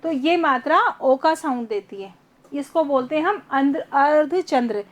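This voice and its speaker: A woman's voice: sits high, a little slow. A woman teacher giving an online class lesson, explaining step by step and asking her students questions.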